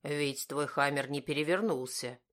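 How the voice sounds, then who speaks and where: A woman doing a snide, needling grown man. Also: moderate pace. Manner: snide, low, quiet.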